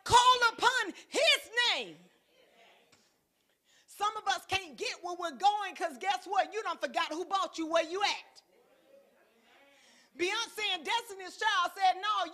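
High, bright-voiced woman preaching. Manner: call-and-response preaching, swings from soft to shouting; colloquial, rhythmic repetition. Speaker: pastor. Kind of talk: sermon.

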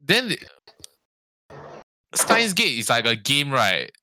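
A man's voice: mid-range voice, sing-song, slow, pushed and bright, a little hiss or hum. A man in casual podcast chat, rambling and tagging sentences with "lah". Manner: rambling, frequent "lah" and "ah" tags, swears. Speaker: podcast co-host.

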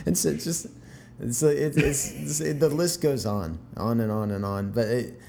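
Mellow, relaxed young man. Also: medium pitch, measured pace, vocal fry, slight background noise. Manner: relaxed, rambling, with many restarts. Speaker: podcast co-host. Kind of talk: casual chat.

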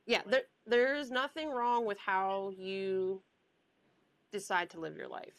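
A woman's voice: mid-range voice, steady tone, measured pace, dry recording, rough recording. A young woman talks frankly on a podcast, handing out blunt advice. Her voice sits close and dry with no room sound. She drifts off track now and then and laughs her way back. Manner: frank, advice-giving, loses her train of thought. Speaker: podcast host. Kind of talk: casual chat.

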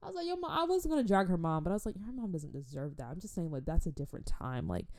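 Young woman, casual storytelling, animated, slangy asides, laughs often. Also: lowish voice, racing. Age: 20s. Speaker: vlogger.

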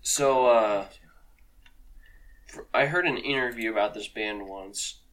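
A man co-hosts a casual podcast and mostly chimes in with quick agreements and dry little remarks. His voice sits a bit low for a man. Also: a bit bright. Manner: brief agreeing interjections, dry asides. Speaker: podcast co-host.

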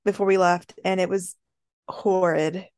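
A woman co-hosting a podcast, telling an animated story in casual chat and laughing often. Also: on the low side, a little slow, no echo, studio quality. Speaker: podcast co-host.

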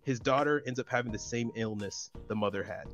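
A man's voice: medium pitch, brisk, fairly bright tone, muffled recording, soft background music. A young man co-hosting a casual podcast, retelling a sad anime plot with lots of restarts and feeling. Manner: emotional storytelling with many restarts. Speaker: podcast co-host. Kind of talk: casual chat.

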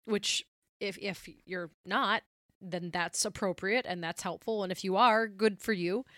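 Female co-host, bright and forward, self-deprecating and chatty, very dry studio sound. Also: medium pitch, fairly even intonation, measured pace, no echo. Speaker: radio show and podcast co-host. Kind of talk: casual co-host banter.

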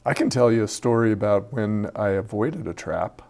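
A middle-aged man with a fairly low voice, chatting casually on a podcast. He teases his co-host with a playful edge and likes to launch into stories from his coaching days. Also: moderate pace, vocal fry, a little mellow. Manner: playful, teasing, storytelling.

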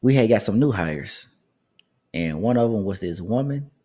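A man in his thirties, with a fairly low, dark-toned voice, tells a personal story at a normal speed and in an animated way. He's casual and conversational, rambling along with restarts and asides to his listeners.

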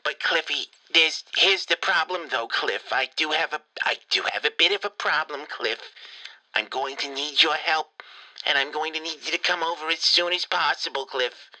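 A man voicing a nagging, crude old grandmother leaving a voicemail for her grandson, shrill and repeating his name over and over. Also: moderate pace, pushed and bright, no echo, rough recording. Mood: crude complaining. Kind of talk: comedy prank voicemail.

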